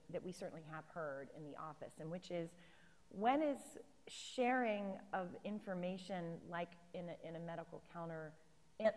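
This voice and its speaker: A woman's voice: lowish voice, long reverb tail, poor audio. A middle-aged woman speaking on a conference panel, explaining regulations in a careful, legal-minded way. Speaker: federal privacy regulator on a panel. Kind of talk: panel discussion. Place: conference stage in a large hall.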